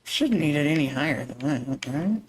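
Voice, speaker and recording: A man hosting a relaxed gaming livestream, soft-spoken and unhurried, chatting to viewers as he builds and chuckling often. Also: a little high, breathy edge, rough recording. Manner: talks through building steps to viewers. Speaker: livestream host.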